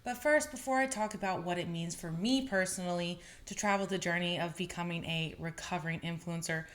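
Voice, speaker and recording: A woman in her twenties hosting her own podcast, telling stories in a chatty, animated way with bits of laughter. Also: on the low side, a little fast. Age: 20s. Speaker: podcast host. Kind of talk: casual podcast monologue.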